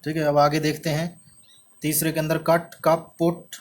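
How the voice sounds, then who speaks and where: A male teacher with an Indian accent explaining an English textbook lesson in Hindi and English, slowly spelling out words and repeating himself. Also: fairly high pitch, flat delivery, a little mellow. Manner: slow, spells words letter by letter; repeats "ठीक है" after each point.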